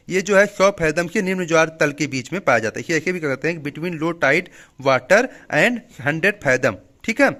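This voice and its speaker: Brief: young male teacher, slightly high voice, restates terms, informal lecture tone. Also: fairly bright tone. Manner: explains each term twice, frequent "theek hai" check-ins. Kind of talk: Hindi classroom lecture mixed with English terms.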